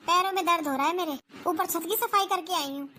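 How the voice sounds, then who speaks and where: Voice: very high-pitched, fairly quick, bright, forceful tone, slight background noise. A performer voicing an older mother-in-law who complains about her aching knees and scolds the household, in a family comedy skit. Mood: complaining. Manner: complaining, self-pitying scolding.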